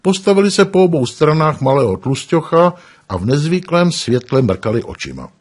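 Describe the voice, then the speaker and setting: Brief: man, audiobook narrator, husky, expressive, animated pitch. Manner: expressive storytelling.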